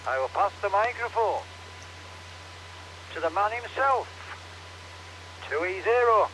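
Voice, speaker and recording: A man's voice: high voice, lively intonation, takes it slowly, a bit bright, low-quality recording. A man chatting on an amateur radio net, hesitant and full of fillers, heard over a weak radio signal. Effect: weak hissy two-way radio signal. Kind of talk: casual on-air chat. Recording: hissy radio reception with background noise.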